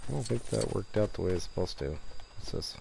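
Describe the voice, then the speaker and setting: A man's voice: on the low side, animated, fairly quick, vocal fry, dark tone, a little hiss or hum. A man giving casual gameplay commentary in an offhand, muttering, sarcastic way. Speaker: gamer commenting on his playthrough.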